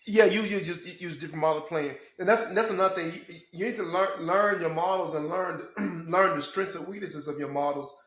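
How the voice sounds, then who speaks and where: A Memphis man hosts a casual tech podcast chat, stumbling, repeating words and restarting often as he explains things. His high-pitched, slightly bright voice moves fairly quickly with few pauses, and the audio is poor and reverberant.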